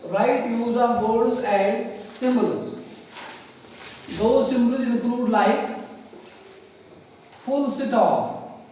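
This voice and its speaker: A man teaching grammar in a classroom, speaking slowly and repeating key terms. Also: very high-pitched, steady tone, darkish tone. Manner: slow, deliberate, repeats key terms, mixes in Hindi. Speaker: English teacher. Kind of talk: classroom lecture at a board. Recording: echoey classroom, distant mic, faint noise.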